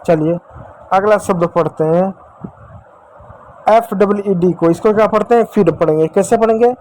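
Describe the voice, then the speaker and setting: A man's voice: high-pitched, normal speed, a little mellow, a little hiss or hum, poor audio. Man drilling phonics with repeated questions. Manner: repetitive question-and-answer drilling, addresses viewers as dear children. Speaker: English teacher. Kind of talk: Hindi-medium English phonics lesson.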